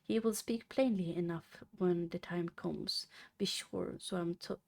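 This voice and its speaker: A young woman reads a classic novel aloud on a live stream in a lowish, gravelly voice. She moves slowly and haltingly, often tripping over a word and starting it again. It sounds like an unpolished live read, not a studio narration. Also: darkish tone. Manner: halting reading, stumbles and restarts on words.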